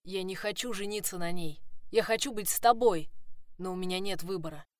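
A woman's voice: lowish voice, brisk, dry recording, studio quality, natural voice. A woman voicing a desperate young man in love, pleading, in a first-person audiobook.

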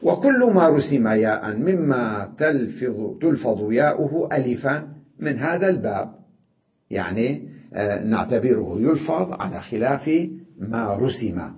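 A man teaching an Arabic grammar lesson, explaining patiently and repeating example words slowly. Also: medium pitch, big pitch swings, muffled recording.

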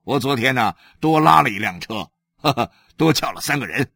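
A man's voice: medium pitch, lively intonation, moderate pace, vocal fry, sharp tone, slightly rough, full character voice. A man doing a chuckling, easygoing blacksmith. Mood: amused.

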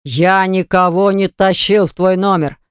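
A woman's voice: fairly low pitch, expressive, normal speed, no echo, studio quality. A woman voicing a blustering, indignant older brother. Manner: loud and offended, snapping back.

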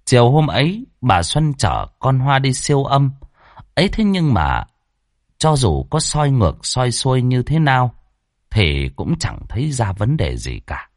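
A man narrating a ghost story in a dramatic, expressive style. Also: mid-range voice, unhurried, no echo, studio quality. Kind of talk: scripted horror narration.

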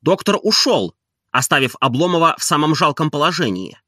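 A man narrating an audiobook in an expressive, animated reading style. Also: on the high side, brisk, no echo, clean studio sound.

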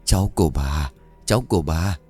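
A man voicing a crazed old village woman with a slow, eerie, drawn-out delivery. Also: a bass voice, expressive, darkish tone, slightly rough, soft background music, exaggerated voice. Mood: defiant, pleading.

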